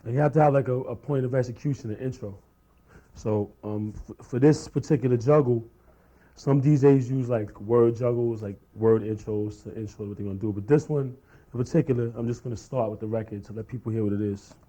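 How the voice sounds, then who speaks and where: A man's voice: mid-range voice, fairly even intonation, a little fast, dark tone, low-quality recording. A man demonstrating a beat-juggling routine, explaining each step casually while he works the turntables. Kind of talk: step-by-step tutorial over turntables. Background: record scratching and music.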